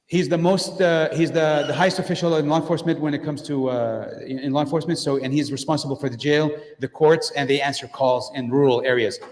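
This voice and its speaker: A man's voice: fairly high pitch, steady tone, fast, few pauses, darkish tone. Plainspoken man in an echoey hall. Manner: direct and plainspoken, frequent fillers and restarts. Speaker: guest speaker at a mosque. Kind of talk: informal community talk with Q&A. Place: mosque hall. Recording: echoey hall with long reverb.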